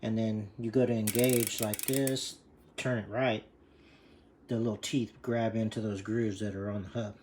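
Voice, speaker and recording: A man's voice: fairly low pitch, flat delivery, unhurried, a little mellow, a little hiss or hum. Rambling man fixing a bike. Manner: rambling, full of fillers. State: breathing hard from leaning over. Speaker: bike mechanic demonstrating a repair. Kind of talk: casual how-to video.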